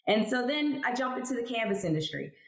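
This guest is a chemist in a cannabis lab, a woman in her thirties chatting casually over video call from a home room through headphones. Her voice is a little high and sing-song, and she talks quickly, candid and emphatic about her story. Echo fills the room.

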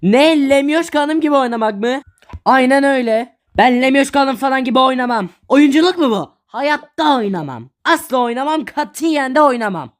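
A man's voice: very high-pitched, animated, normal speed, voice pushed up. A man voicing a proud, defiant young actress in a cartoon skit, refusing with emphatic indignation. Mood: indignant.

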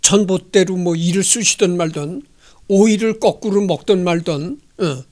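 A man's voice: high voice, moderate pace, a little mellow. A man in his sixties hosting a history channel, reading a text aloud and commenting on it in a chatty, digressive way with many rhetorical questions, holding a handheld microphone indoors. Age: 60s. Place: indoor home studio.

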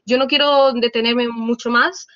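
A woman's voice: a little high, fairly even intonation, normal speed, fairly bright tone, no room sound. A woman with an accent from Spain, hosting and giving an informal spoken introduction of a guest lecturer. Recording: dull, lo-fi video-call audio.

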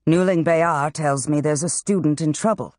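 An audiobook narrator voicing a commanding, gray-haired female dean of wizards, pitched higher than the narration. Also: a little mellow, no echo, lightly acted. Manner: brisk, commanding.

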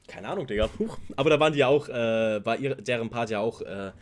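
A man reacting casually to a rap music video, excited and slangy, humming melodies along, with faint music behind him. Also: mid-range voice, fast talker, background noise. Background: rap music playing faintly.

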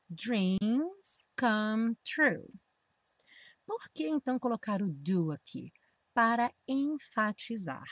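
A woman's voice: medium pitch, breathy edge, dry recording. A woman, an English teacher patiently explaining grammar to viewers and checking that they follow.

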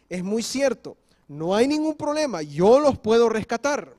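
A man's voice: extremely high pitch, darkish tone. A male pastor preaching a sermon, explaining step by step and often checking in with the congregation. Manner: switches briefly into English. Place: church.

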